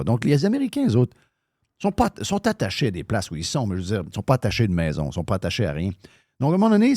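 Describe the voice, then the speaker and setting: A man's voice: on the low side, warm tone, no room sound, studio quality. Heated Québécois man ranting on air. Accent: Québécois French. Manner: heated, ranting, swears freely. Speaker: radio show host. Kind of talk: opinionated live radio talk.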